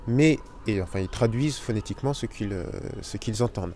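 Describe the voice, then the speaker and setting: A man's voice: fairly low pitch, darkish tone, slight background noise. Man teaching Spanish letters. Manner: explains slowly, spelling out sounds and repeating them. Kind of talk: language lesson.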